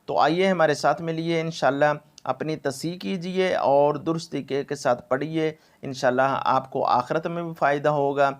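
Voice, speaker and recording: A man teaching Quran recitation, drawing out syllables slowly to demonstrate and repeating words over and over, then explaining at a brisk pace. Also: a little high, fairly even intonation. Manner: repeats words again and again for practice. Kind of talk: tajweed lesson, explaining and demonstrating.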